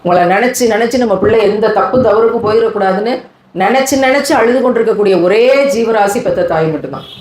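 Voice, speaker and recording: A woman preacher giving an animated sermon to young people, acting out what children and mothers say. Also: medium pitch, fast, roomy sound, poor audio. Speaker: Islamic preacher.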